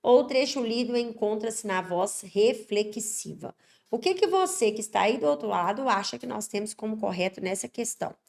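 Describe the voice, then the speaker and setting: Brazilian woman teaching with lively emphasis. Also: on the high side, normal speed, vocal fry. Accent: Brazilian Portuguese. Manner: lively and emphatic, many tag questions. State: congested from an allergic cold. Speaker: Portuguese teacher for exam prep. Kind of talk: online exam-prep lesson.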